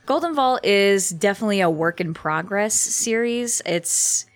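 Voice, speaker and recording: A woman's voice: medium pitch, expressive, measured pace, no room sound. A young woman voice actor chatting as a podcast guest, laughing often and restarting her sentences. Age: young adult. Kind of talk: casual podcast interview.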